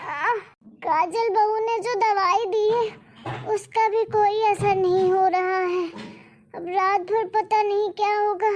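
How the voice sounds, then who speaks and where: A woman voicing an elderly mother in stomach pain, who talks slowly, groans and pleads through tears. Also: very high-pitched, darkish tone, muffled recording. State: crying in pain.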